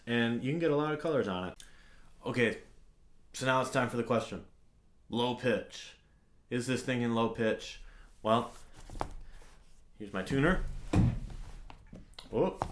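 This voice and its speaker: A man's voice: mid-range voice, slight background noise. Casual man talking trumpets, echoey room. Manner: relaxed, filler-heavy, lots of "like" and "um". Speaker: trumpet reviewer. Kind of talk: casual product review.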